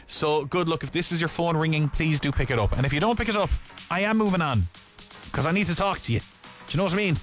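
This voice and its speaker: A man with a slightly high voice hosts a breakfast radio show from the studio, chatting quickly and cracking jokes while giving away tickets. Faint music plays behind him.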